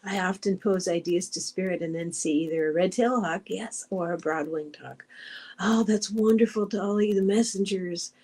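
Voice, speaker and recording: A woman's voice: mid-range voice, moderate pace. A middle-aged woman hosting a meditation group livestream, chatting casually and wandering between thoughts. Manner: chatty, meandering, with frequent restarts and soft asides. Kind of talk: casual chat, reading viewer comments aloud.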